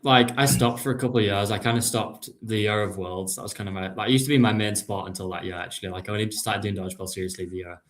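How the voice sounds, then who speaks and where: A man's voice: fairly low pitch, quick pace, few pauses. A young man with an English accent, a podcast guest talking through his sporting goals in casual chat. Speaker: podcast guest, dodgeball player.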